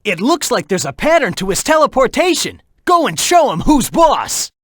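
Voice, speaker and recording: A brash young hedgehog hero from a video game speaks with a swooping, animated delivery, upbeat, playful and confident, turning urgent when he calls out. His mid-range voice moves at a moderate pace, determined in mood, in a dry, close recording.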